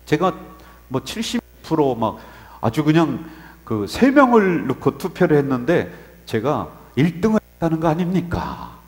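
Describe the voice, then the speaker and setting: A male pastor preaching a sermon, telling stories animatedly, swinging from soft asides to loud exclamations. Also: a little high, wildly swooping pitch, a little slow, in a large hall. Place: church sanctuary.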